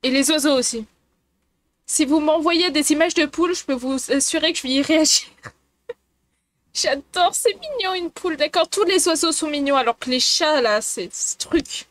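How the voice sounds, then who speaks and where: A woman with a high, bright-pitched voice hosts a casual live stream, chatting with her viewers. She talks playfully and giggles often, teasing her chat. She is recorded on a desk mic at her computer. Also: normal speed.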